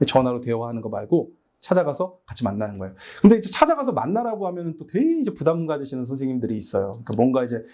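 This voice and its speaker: Speaking very fast with few pauses in a medium-pitched voice, a middle-aged Busan pastor gives an animated church training lecture to Sunday school teachers. He performs both ends of phone conversations with children.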